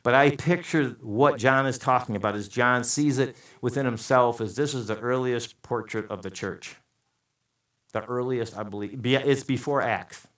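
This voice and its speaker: A man preaching a sermon to a congregation, animated, calling out for amens. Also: medium pitch. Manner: animated, call-and-response with congregation. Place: church sanctuary. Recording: echoey room, mic at a distance.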